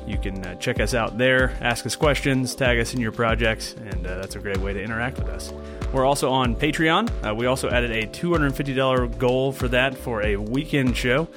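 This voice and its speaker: A man's voice: mid-range voice, normal speed. Man, podcast host, casual chat, easygoing, rambling, faint music behind. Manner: relaxed, rambling with fillers.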